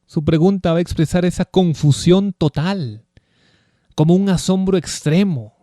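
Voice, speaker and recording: Male preacher, emphatic teaching style, keeps asking rhetorical questions, mellow tone. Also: sits high, unhurried, no room sound, clean studio sound. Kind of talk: Bible teaching sermon.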